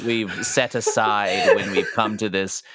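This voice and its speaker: A man's voice: lowish voice, wildly swooping pitch, unhurried, a loud crowd. A man voicing a fussy, reluctant middle-aged English professor who talks in a prim, flustered way.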